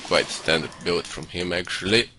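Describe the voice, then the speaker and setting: A man's voice: deep voice, moderate pace, pushed and bright. A man putting on a Russian accent for comic effect, commentating on a video game in a cocky, condescending manner. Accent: put-on Russian. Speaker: StarCraft game caster and streamer. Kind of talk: live-style game commentary. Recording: home computer mic with faint noise.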